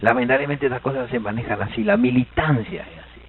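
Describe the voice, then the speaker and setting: A man with an Argentine Spanish accent giving a lively seminar lecture as a Guaraní language teacher, joking and quizzing the audience. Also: medium pitch, quick pace, gravelly, phone-quality sound. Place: seminar hall.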